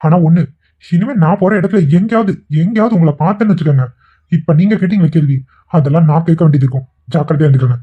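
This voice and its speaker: A man voicing a gentle young man in a cartoon who pleads earnestly and gets flustered. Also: on the high side, very fast, husky. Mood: stern. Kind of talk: cartoon voice acting. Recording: tinny phone-like recording.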